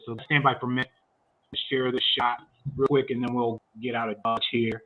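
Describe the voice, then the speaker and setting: A man's voice: mid-range voice, little pitch movement, a little fast, phone-quality sound, a little hiss or hum. A man hosting a livestreamed movie review chat, rambling along with frequent fillers and restarts.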